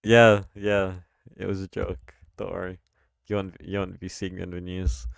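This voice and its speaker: A young Australian man with a low, smooth voice talks quietly on a late-night podcast, pausing often and filling gaps with hesitations. The close mic is dry, with no room sound. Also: level tone, no room sound. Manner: hesitant, many fillers, low-key and mumbling. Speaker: podcast co-host. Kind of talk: casual late-night chat.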